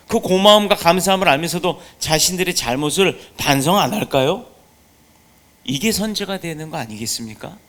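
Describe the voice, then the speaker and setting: A man delivers a sermon as pastor, with a voice pitched high for a man. He speaks with emphasis and keeps putting rhetorical questions to his congregation. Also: fairly bright tone.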